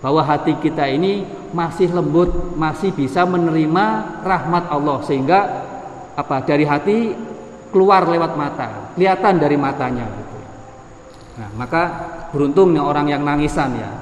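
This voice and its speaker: A man with a Javanese accent giving a religious lesson. He chants Arabic text slowly and then explains it in relaxed, conversational speech. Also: a little high. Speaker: ustadz teaching a hadith book. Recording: echoey room, long reverb, faint noise.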